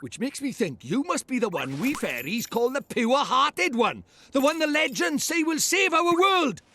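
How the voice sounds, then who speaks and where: High, brash little Welsh fairy lord. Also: male voice, very animated, normal speed, sharp tone, slight background noise, heavily acted. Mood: brisk explaining. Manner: blustering, cheeky, theatrical. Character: brash, chatty, self-important little fairy lord, male. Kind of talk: animated fantasy game voice acting.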